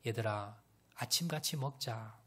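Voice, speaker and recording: A man voicing a gentle, fatherly figure who speaks softly and calmly to his followers. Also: unhurried, breathy edge. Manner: soft, lowered, calm delivery.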